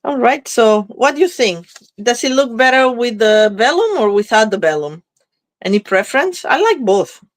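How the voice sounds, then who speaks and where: Here a craft demonstrator speaks in a fairly high, sing-song voice at a normal pace, sounding a little congested. She talks casually through a live card-making demo, musing aloud as she goes, with no room sound.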